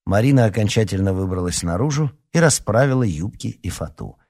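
A man narrating a youth fantasy audiobook with dramatic, expressive reading. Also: lowish voice, fairly quick. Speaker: audiobook reader.

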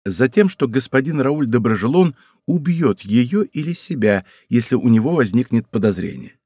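A man voicing a sly, scheming young courtier in an audiobook, speaking intently in a slightly lowered voice. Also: expressive, moderate pace, dark tone, husky, no echo, studio quality. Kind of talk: audiobook character voice.

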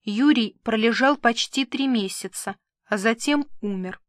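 Woman audiobook narrator, slow and expressive, dry close sound. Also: a little high, dry recording. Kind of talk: scripted narration.

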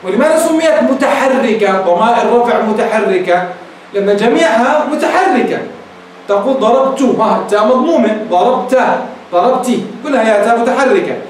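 A sheikh teaching a grammar lesson, asking rhetorical questions and repeating his examples slowly, addressing his listeners as beloved ones. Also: extremely high pitch, expressive. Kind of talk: classroom grammar lecture. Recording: very echoey room, voice from a distance, faint noise.

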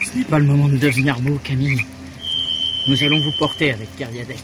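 An actor playing a determined, protective explorer captain in a radio drama, firm and commanding. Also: male voice, mid-range voice, fairly even intonation, a little fast, loud music behind the voice, natural voice. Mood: resolute.

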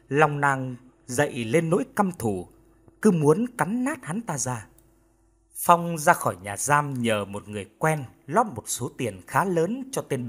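A man reads a scripted audiobook with expressive storytelling. His husky voice swings widely in pitch. The delivery is dramatic. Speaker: audiobook narrator.

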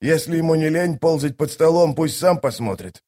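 A fussy, defensive soldier-mage in an audiobook drama, as a male narrator puts him on, voiced a little higher than the reader's own voice. He mutters and sighs through long explanations. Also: normal speed, mellow, lightly acted. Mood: eager. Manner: muttering, sighing.

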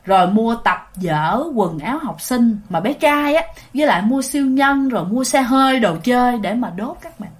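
A woman with a Southern Vietnamese accent narrates a ghost story in a chatty, spoken way, often turning to address her listeners. Her voice is high and full of lively pitch swings. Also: normal speed, hardly any pauses. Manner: animated, addresses listeners directly.

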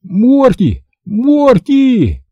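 A man doing a shrill, panicky young boy. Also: sing-song, slow, breathy edge, no room sound, highs cut off, exaggerated voice. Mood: panicked. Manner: shouting in alarm.

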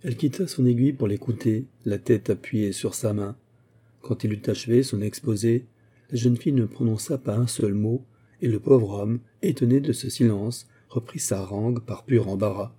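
A man reading a classic novel aloud in measured literary narration. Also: medium pitch, mellow, slightly rough.

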